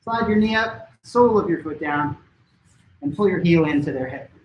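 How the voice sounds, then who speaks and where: A man teaching a martial arts class at home, giving brisk step-by-step coaching cues to follow along. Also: fairly high pitch, lively intonation, roomy sound, lo-fi sound, background noise. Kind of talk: live-streamed class instruction. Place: home training room.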